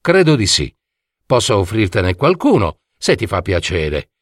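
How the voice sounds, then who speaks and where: A humble, kind-hearted truffle hunter in a storybook, as a man voices him. He speaks a little lower and softer, generous and gentle. The recording is dry and close. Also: huge pitch swings, a little slow, no echo, full character voice. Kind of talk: storybook reading.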